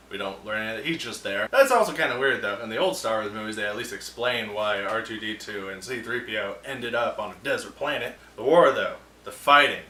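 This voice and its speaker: A man's voice: on the low side, bright, forceful tone, a little hiss or hum. A man hosting a film review show, ranting with sarcasm and animation in a casual, opinionated way. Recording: roomy echo, distant mic, faint ambience.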